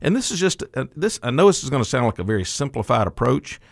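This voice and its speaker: Lively-voiced man explaining retirement money. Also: mid-range voice, fast, vocal fry, no echo, studio quality. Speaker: retirement income advisor. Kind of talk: financial radio talk.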